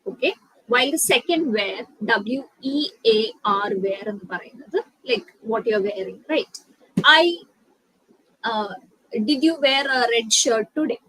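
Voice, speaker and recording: Slow, husky Malayali woman teaching English. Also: fairly high pitch, animated, a bit bright, low-quality recording. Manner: slow, deliberate English explanations, mixed with rapid Malayalam; spells out words letter by letter. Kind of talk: online spoken-English lesson.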